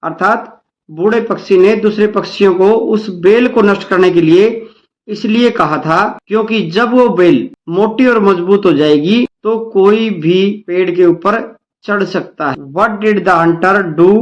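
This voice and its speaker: A male teacher with an Indian accent reads each English line slowly, then explains it in Hindi to the children he calls dear kids. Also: high-pitched, lo-fi sound. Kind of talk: bilingual English-Hindi lesson.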